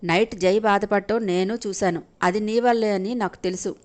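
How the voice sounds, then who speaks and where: A woman's voice: medium pitch, steady tone, moderate pace, natural voice. A woman voicing an arrogant mother-in-law who scolds with contempt and makes threats, in an audio story. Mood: contemptuous.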